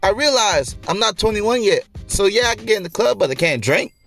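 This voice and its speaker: With faint music behind him, a man in his late twenties talks briskly in a high, sing-song, creaky and slightly bright voice. As host of a casual motivational podcast, he speaks to listeners conversationally and repeats phrases for emphasis.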